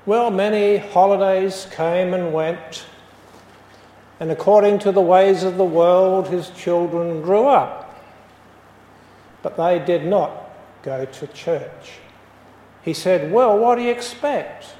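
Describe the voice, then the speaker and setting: A man preaches in a high, unhurried voice. He tells his story and drives home each point with emphasis. His words ring through a roomy church hall with a long echo. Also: fairly even intonation, dark tone. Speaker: pastor. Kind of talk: sermon.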